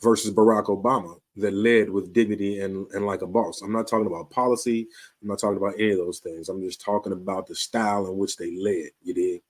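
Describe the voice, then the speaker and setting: A deep-voiced man in his fifties from Chicago, USA, hosts his own show and speaks directly to the camera in a casual, fast-paced way. His style is laid-back street slang, full of restarts and frequent "you dig?" check-ins.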